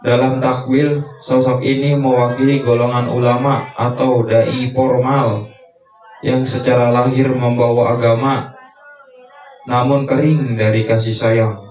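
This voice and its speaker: A man giving a reflective religious interpretation of a dream, speaking in short, measured clauses. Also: medium pitch, little pitch movement, a little mellow, faint music behind. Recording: echoey room, distant mic.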